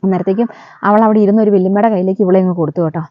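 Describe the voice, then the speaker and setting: Rapid-fire and steady in tone, a medium-pitched woman vlogger relays a casual story, dropping a friendly "you know" into her sentences. It's a dull, lo-fi, dry recording.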